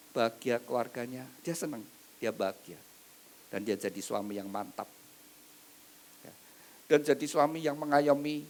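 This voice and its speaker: Animated male pastor preaching. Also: mid-range voice. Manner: animated preaching, swings between loud and soft. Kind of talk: wedding sermon.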